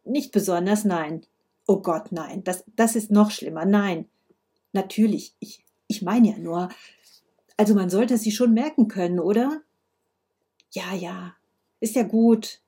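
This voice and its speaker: A woman's voice: mid-range voice, a little slow, pauses often, warm tone, slightly rough. A woman voicing a brusque, sarcastic older woman, a grandmother, while reading a novel aloud. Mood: impatient. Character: grumpy sharp-tongued older woman, a grandmother, reckless driver.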